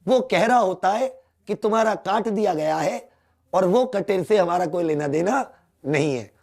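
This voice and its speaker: A man's voice: high-pitched, expressive, gravelly, darkish tone. A man teaching a Hindi grammar lesson, repeating key words and asking them back to the students. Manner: slow, drawn-out delivery.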